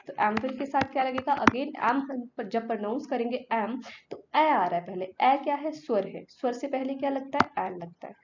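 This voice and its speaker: A woman's voice: on the high side, highs cut off, very noisy. A woman teacher giving an exam-prep grammar lesson. She asks her students questions and answers them herself, mixing English words into Hindi.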